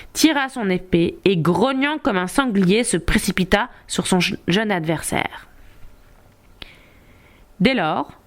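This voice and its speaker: Une femme qui lit à voix haute un récit de chevalerie, d'une voix assez aiguë. Sa lecture est posée, expressive et bien rythmée. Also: female voice, fairly high pitch. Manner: measured, expressive storytelling. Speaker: narrator. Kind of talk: audiobook narration of a medieval tale.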